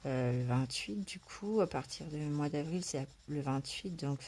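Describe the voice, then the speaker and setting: Slow, chatty French-speaking woman vlogger. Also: low voice, animated, noisy background. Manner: hesitant, many fillers, chatty. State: just woken up. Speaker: coloring vlogger. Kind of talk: casual vlog chat. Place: at home. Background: cat meowing.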